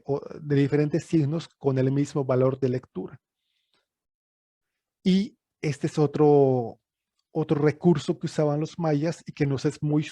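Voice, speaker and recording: A man's voice: fairly high pitch, warm tone, dry recording. A man from Yucatán, Mexico, with a Yucatecan Spanish accent, giving a recorded lecture as an archaeologist, explaining step by step with frequent fillers and check-in questions.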